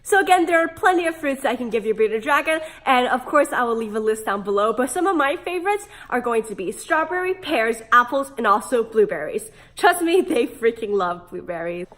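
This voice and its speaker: A woman presents a casual how-to pet video in a high voice. She sounds sick and hoarse, with a smoker's rasp, and keeps her delivery playful and animated. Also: brisk, hardly any pauses. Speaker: pet care video host. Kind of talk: casual instructional vlog.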